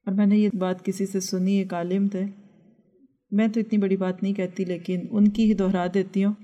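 A woman's voice: mid-range voice, little pitch movement, mellow, lo-fi sound. A woman religious teacher giving an earnest sermon, telling a story and reciting verses.

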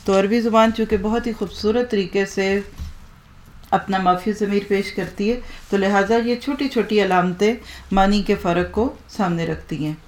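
A woman's voice: mid-range voice, fairly even intonation, normal speed, darkish tone. A woman teaching Quranic Arabic grammar to a class, explaining patiently and asking the students to repeat after her. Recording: echoey room.

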